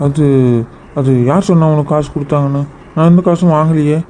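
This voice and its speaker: A man playing a cartoon village husband, defensive, dark tone, faint noise. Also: fairly high pitch, steady tone, fairly quick, natural voice, poor audio. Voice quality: defensive, excuse-making manner. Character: sheepish village husband who gambles away wages. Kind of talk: cartoon drama voice acting.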